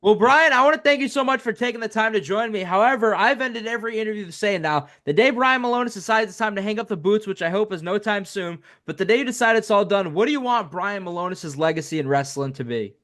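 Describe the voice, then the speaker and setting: A male podcast host with a high, bright voice conducts a casual interview. He speaks quickly and informally, with an appreciative manner toward his guest.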